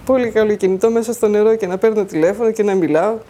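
Woman recounting her own ordeal, warm dark tone, plain earnest talk. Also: mid-range voice. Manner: plain, earnest first-person retelling. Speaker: flood survivor telling her story. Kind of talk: personal testimony.

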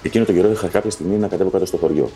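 A man candidly recounting his own life story in a loose, conversational way, often pausing with fillers. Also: sits low, mellow, faint music behind.

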